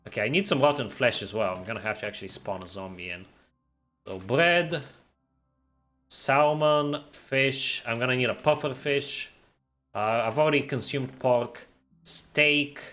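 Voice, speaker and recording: Faint music plays behind this man's mid-range voice as he streams a game and talks a little slowly. Relaxed and casual, he reads viewer messages and answers them mid-play, with R sounds formed in the throat.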